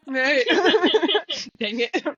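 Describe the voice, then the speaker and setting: A woman's voice: sits high, expressive, extremely slow, sharp tone, dry recording, dull audio. A woman co-hosting a podcast, chatting casually with lots of fillers and giggles. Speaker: podcast co-host. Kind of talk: casual chat. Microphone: podcast mic, eating on air.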